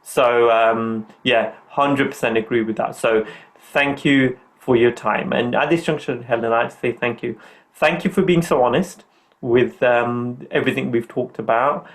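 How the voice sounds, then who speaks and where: A man's voice: medium pitch, unhurried. A middle-aged man hosting a podcast, talking in an earnest, upbeat, motivational way. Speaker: podcast host.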